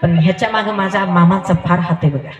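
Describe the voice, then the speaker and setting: A man's voice: sits high, steady tone, fast, muffled recording. Emphatic sing-song male preacher. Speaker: kirtan preacher. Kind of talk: devotional sermon with storytelling. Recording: roomy echo with live music behind.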